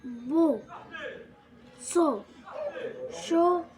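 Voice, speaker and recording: A young female pupil reading aloud haltingly, word by word, in a lesson. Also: high voice, lively intonation, over music.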